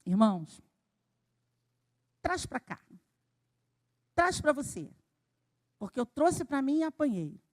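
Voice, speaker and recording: A woman from Brazil preaching a sermon at a church service, talking in an animated way that swells to emphasis and then drops low. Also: slow, pauses often. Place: church sanctuary.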